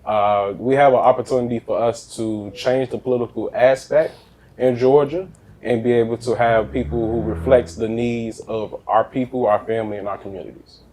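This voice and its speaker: A man from Chicago who organizes canvass teams, speaking in an earnest, measured way on a panel. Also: medium pitch, fairly even intonation, dark tone, slight background noise, rough recording. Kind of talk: panel discussion.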